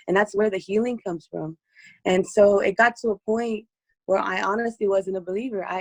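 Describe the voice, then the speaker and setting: A woman with a hoarse, strained voice, speaking earnestly as an interview guest giving personal testimony. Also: medium pitch, no room sound, poor audio.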